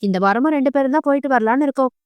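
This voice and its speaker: Young woman teacher voiced by a narrator, high, dry, quick, earnest. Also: smooth, no room sound, muffled recording, close to an everyday voice. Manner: quick and earnest, sharp when angered.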